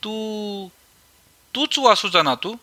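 A man's voice: sits high, expressive, slow pace, no room sound, pitched above the performer's own voice, exaggerated voice. A male narrator voicing a kindly, jovial old man in a storybook reading, with a raised, crackly voice. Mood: cheerful. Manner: warm, jovial, insistent.

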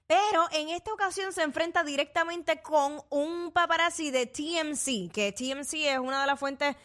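A woman's voice: sits high, normal speed, a bit bright. A woman co-hosting a casual radio gossip segment, recounting celebrity news in a chatty, hesitant way. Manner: chatty, hesitant, with fillers and restarts. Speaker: radio show co-host. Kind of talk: casual entertainment gossip chat.

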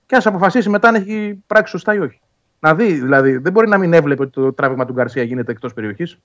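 A man's voice: on the high side, expressive, lo-fi sound. A man arguing football calls in a casual sports talk, insistent and repeating his points. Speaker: football pundit.

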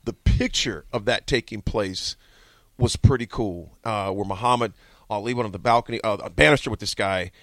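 A man's voice: fairly low pitch, normal speed, a bit bright, no echo. A man in his forties hosting a sports radio show, talking casually and rambling with many fillers. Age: 40s. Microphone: studio microphone.

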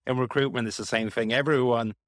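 Chatty podcast host. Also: male voice, medium pitch, steady tone, quick pace, no room sound, studio quality. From Wales. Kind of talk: casual podcast conversation.

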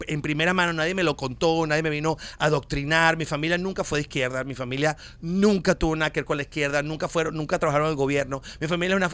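High-voiced man telling animated stories. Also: clean tone. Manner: animated, laughs often, mimics voices. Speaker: comedian guest. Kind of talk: casual storytelling chat.

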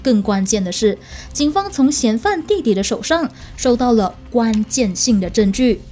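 A woman's voice: a little high, expressive, moderate pace, mellow, soft background music. A woman hosting a true crime show, narrating in a suspenseful, conversational storytelling way and speaking directly to listeners.

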